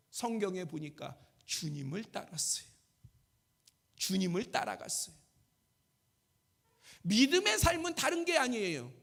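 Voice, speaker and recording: A male pastor preaching a sermon in an emphatic way. He repeats his phrases and at times rises to a shout. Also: very high voice, creaky. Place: church sanctuary.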